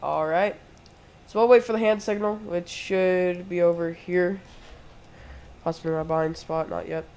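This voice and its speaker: Streaming from home at his desk mic while sick with a throat infection, a congested young man gives casual live play-by-play of every step in a flight simulator session. He speaks high-pitched and unhurried, fairly even in intonation and pausing often, with a darkish, clear, resonant tone.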